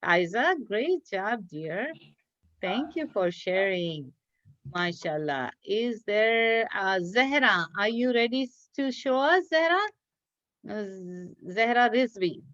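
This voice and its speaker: In an echoey room, heard through a dull, lo-fi online call, a woman praises and encourages the young children in her interactive craft lesson. She talks slowly in an expressive, mid-range voice that's a bit bright.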